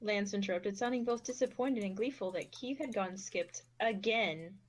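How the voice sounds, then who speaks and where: A young woman narrating an amateur fan fiction reading with steady, expressive delivery. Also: mid-range voice, moderate pace. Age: young adult.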